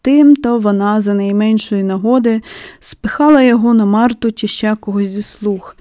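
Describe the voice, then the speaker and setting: A woman narrating a children's novel in an expressive, lively reading. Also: medium pitch, normal speed, smooth, dry recording, clean studio sound. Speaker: audiobook narrator. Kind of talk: storybook narration.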